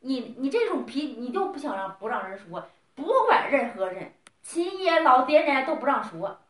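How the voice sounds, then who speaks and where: A woman's voice: high-pitched, big pitch swings, normal speed, fairly bright tone, roomy sound. A middle-aged woman scolding someone in a heated family argument, lecturing and firing off repeated questions.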